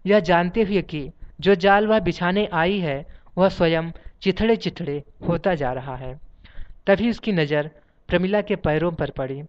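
Audiobook narrator, measured literary reading, mid pitch, muffled lo-fi recording. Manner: steady, measured reading that includes page numbers aloud. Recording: dull lo-fi recording.

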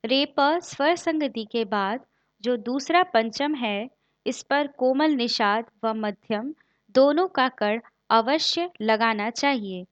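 A woman teaches a classical raga in a formal, measured lecture, reading out note names one by one. She speaks very slowly in a somewhat high voice. The recording is dull and lo-fi, with a dry, close sound. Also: no room sound. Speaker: music teacher.

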